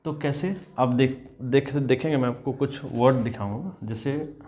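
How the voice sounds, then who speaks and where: A man's voice: mid-range voice, unhurried, a little mellow, a little hiss or hum. A male English teacher walks students through spelling rules. He spells words out letter by letter, then says them whole, and repeats every rule several times. He keeps checking in with his young learners. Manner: addresses students as children, checks in with "is that clear". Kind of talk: spelling and pronunciation lesson.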